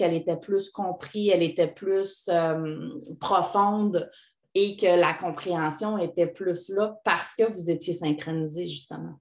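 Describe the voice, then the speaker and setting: A woman with a Québécois French accent co-hosting an advice podcast in a casual chat, animated and acting out quoted replies. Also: fairly low pitch. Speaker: podcast co-host. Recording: echoey room.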